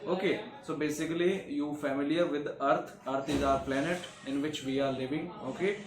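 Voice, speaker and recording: A man teaching a geography lesson to schoolchildren, often filling pauses with "okay" and "uh". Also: on the high side, fairly even intonation. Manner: frequent "okay" and "uh" fillers, repetitive explaining. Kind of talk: classroom lecture. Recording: echoey room, faint background noise.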